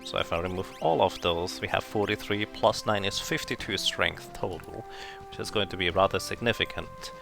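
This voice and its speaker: A man chats and thinks aloud while streaming a game, his low, gravelly voice squeezed into a sharp, tinny tin-can sound by a makeshift microphone. Faint game music plays underneath. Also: moderate pace. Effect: tinny tin-can sound from a substitute microphone. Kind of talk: casual live game-stream commentary. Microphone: substitute microphone.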